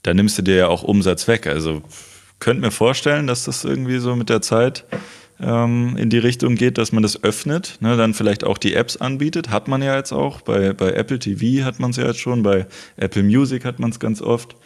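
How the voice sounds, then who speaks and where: A man co-hosting a casual tech podcast, musing out loud with hesitations. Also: medium pitch, normal speed, gravelly. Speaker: podcast co-host.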